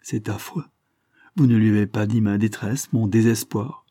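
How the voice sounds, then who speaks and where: A man's voice: fairly low pitch, fairly even intonation, moderate pace, dark tone, dry recording, clean studio sound, close to an everyday voice. A man reading aloud, voicing a distraught young male engineer who speaks faintly and breathlessly. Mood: despairing.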